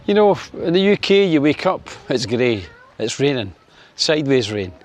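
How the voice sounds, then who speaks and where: This sixty-something vlogger from Scotland talks at a moderate pace in a sing-song voice, giving his opinions casually to camera. His chatty, wry manner is heavy on fillers, and his pitch rises for sunny Spain.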